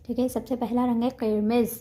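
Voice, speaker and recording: A woman with an Urdu-speaking accent teaches vocabulary slowly and patiently, repeating each word. Her voice sits fairly high but sounds mellow and warm. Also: flat delivery. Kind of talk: language lesson.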